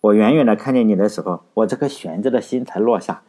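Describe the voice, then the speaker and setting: A man voicing an earnest young male writer who dotes on his girlfriend, in a husky, low voice. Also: fast talker, mellow, lightly acted.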